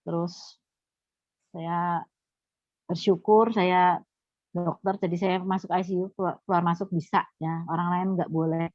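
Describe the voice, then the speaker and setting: A woman who is a doctor, giving an animated testimony in a church teaching and acting out the voices she quotes. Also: lowish voice, unhurried, long pauses, no echo. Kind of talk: sermon testimony. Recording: dull, dry lo-fi recording.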